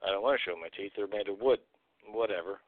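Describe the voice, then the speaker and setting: Podcast co-host, blunt profane ranter, thin phone-like sound, dry. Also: male voice, lowish voice, quick pace, dry recording. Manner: ranting, blunt, swears a lot. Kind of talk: profane casual chat. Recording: tinny phone-like line, dry.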